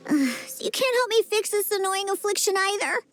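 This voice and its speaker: A woman voicing a grumpy, suspicious little girl in a video game, pouty, complaining and very expressive. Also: very high-pitched, brisk, faint music behind. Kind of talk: video game character dialogue.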